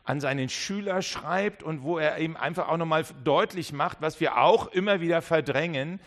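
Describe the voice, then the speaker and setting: A man preaching a sermon, who swings between loud calls and quiet asides and acts out the voices in his examples. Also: a little high, moderate pace. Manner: dramatic, acts out voices in dialogue.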